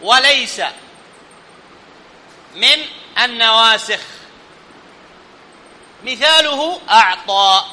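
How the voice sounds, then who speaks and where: High, bright-voiced male teacher in a reverberant hall. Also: lively intonation, extremely slow, long pauses. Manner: questioning students, checking understanding. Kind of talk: live classroom grammar lesson. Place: classroom.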